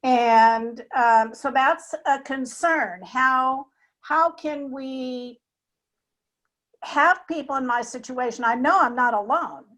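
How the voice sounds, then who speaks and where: A woman's voice: high-pitched, takes it slowly, a bit bright, low-quality recording. An older woman asking a question at an online forum, chatty and a touch exasperated, over a video call. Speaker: audience member asking a question.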